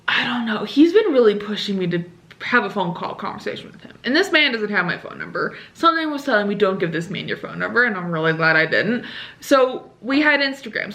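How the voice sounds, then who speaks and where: A young woman chatting casually to her camera as a book vlogger, giggly and animated as she tells stories. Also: mid-range voice.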